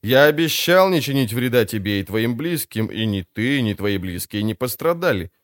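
A man reading as a smooth, sly old crime boss. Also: medium pitch, lively intonation, moderate pace, no room sound, studio quality, close to an everyday voice. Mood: smooth, expansive. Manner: smooth, expansive and self-justifying. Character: vain sly older male crime boss. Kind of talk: audiobook character voice.

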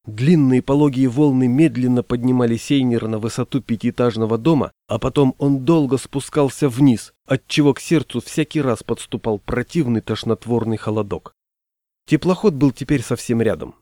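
A man narrating an audiobook in a measured storytelling manner. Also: mid-range voice, warm tone, no room sound, studio quality.

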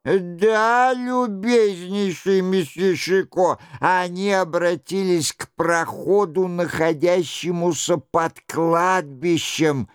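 A man voicing a fat, cowardly monk who wails and pleads in a drawn-out, lamenting way. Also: high voice, smooth, dry recording, studio quality, voice pushed up. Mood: pleading.

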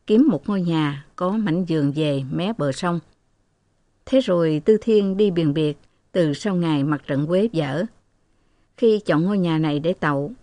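A woman narrating a novel as an audiobook in a steady, even storytelling manner. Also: sits low, no echo.

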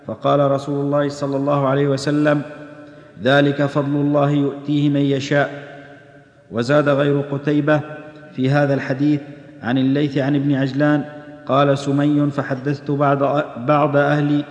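A man reading religious texts aloud in a steady recitation. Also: fairly high pitch, normal speed. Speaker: reader of hadith text. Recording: echoey hall, dull old tape.

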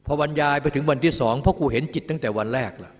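A man's voice: on the high side, very fast. An older man, a Buddhist teacher, giving a dharma talk in a casual storytelling manner and speaking of himself in the third person. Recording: long hall reverb.

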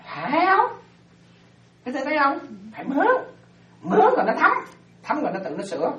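Lively woman, roomy distant sound. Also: high voice, normal speed, muffled recording. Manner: animated, often checks listeners follow. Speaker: Buddhist teacher. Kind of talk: dharma talk to lay followers.

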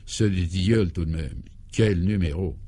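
A man's voice: sits low, unhurried, mellow, slight background noise, voice pushed down. Man doing an amused young reporter.

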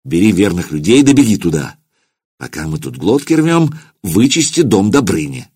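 A scheming city official in an audiobook, urgent and conspiratorial as he sends men off to do his dirty work. A man voices him with a low, husky tone and lively pitch. The sound is dry and close. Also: normal speed, dry recording, heavily acted. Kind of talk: audiobook character voice.

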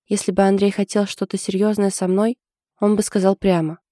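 Woman reading anxious young woman in love, mellow. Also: mid-range voice, flat delivery, a little fast, no echo, clean studio sound, close to an everyday voice. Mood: confiding. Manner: confiding, hesitant.

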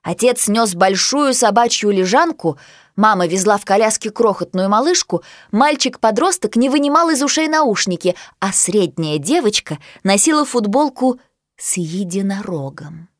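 A woman narrating a children's storybook with an expressive, lively reading. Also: mid-range voice, normal speed, dry recording, clean studio sound.

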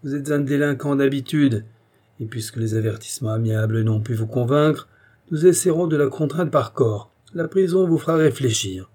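A man's voice: medium pitch, moderate pace, lightly acted. A man voicing a stiff, sour tax collector who speaks curtly and sharply. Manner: curt and sharp.

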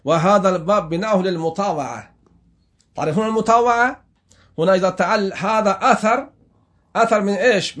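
High-voiced man teaching a grammar class. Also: a bit bright. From Afghanistan. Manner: asks the class questions and answers them himself, repeats key words, halting restarts. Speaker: religious teacher. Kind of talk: classroom lesson.

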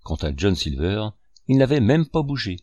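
A man with a deep, low voice reads a novel aloud in a steady, measured way. The recording is dry and close, with no room sound. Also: no room sound. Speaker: narrator. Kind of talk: audiobook narration.

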